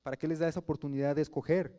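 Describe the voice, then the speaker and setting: A Mexican pastor preaches in a relaxed, conversational way, speaking rapid-fire. His warm, mellow voice sits a bit high for a man, and he keeps asking the congregation rhetorical questions.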